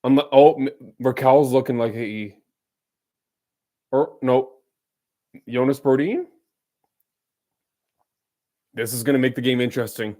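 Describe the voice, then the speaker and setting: A man's voice: mid-range voice, fairly even intonation, measured pace, long pauses, mellow. A man streaming a live watch-along of a hockey game, calling the play and bantering with viewers in a teasing, casual way. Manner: chatty, teasing, jumps between play-by-play and banter.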